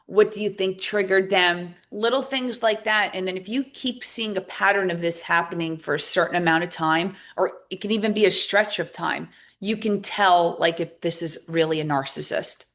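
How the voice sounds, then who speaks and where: Candid woman guest, lowish voice. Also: normal speed, few pauses, fairly bright tone. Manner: candid, acts out both sides of past conversations. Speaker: guest author and recovery coach. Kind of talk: podcast interview storytelling.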